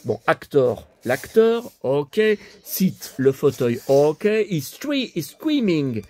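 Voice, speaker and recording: A man's voice: fairly high pitch, sing-song, takes it slowly, a little mellow. An older man from France chatting casually as a vlogger, musing aloud as he reads English words in a French way. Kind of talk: casual chat while leafing through a book.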